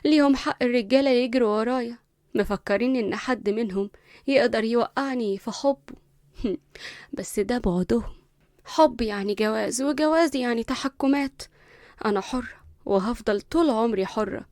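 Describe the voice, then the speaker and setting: A woman with an Egyptian Arabic accent voicing a spoiled, arrogant rich young woman who talks down to people loudly. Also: a little high, rapid-fire, no room sound, clean studio sound, natural voice. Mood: smug. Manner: haughty, scornful, loud.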